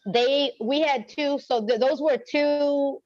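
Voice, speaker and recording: A woman guest chatting casually, telling stories in an expressive, talkative way. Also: high voice, slow pace, muffled recording. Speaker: podcast guest. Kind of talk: casual chat.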